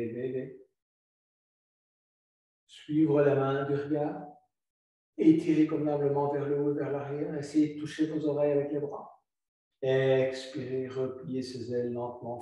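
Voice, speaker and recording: A man guiding a yoga flow class, calm and instructive, repeating his cues slowly. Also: medium pitch. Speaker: yoga teacher. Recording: very echoey room, voice far from mic.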